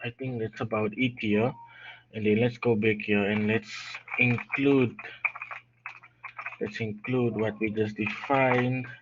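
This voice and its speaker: A man's voice: lowish voice, slow. A man tutoring a live coding lesson while unwell, yawning, thinking aloud as he types, stumbling and restarting. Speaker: programming tutor. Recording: dull lo-fi audio with steady noise.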